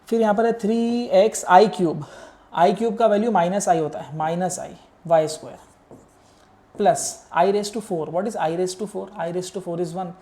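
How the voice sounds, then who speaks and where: A young man tutoring engineering math, his voice mellow and dark. He talks students through every step in a casual, coaxing way, calling them beta as he writes out the working. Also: high-pitched. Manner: works through steps aloud while writing. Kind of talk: exam-prep lecture.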